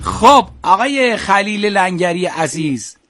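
A man's voice: high-pitched, lively intonation, music in the background. A man hosting a radio quiz show, playful and teasing with the contestants.

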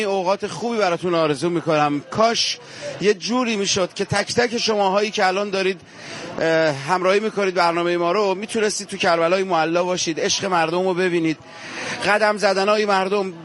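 A man's voice: high-pitched, a bit bright. A man reporting on location at a pilgrimage walk, talking fervently and emphatically to viewers and the people he interviews.

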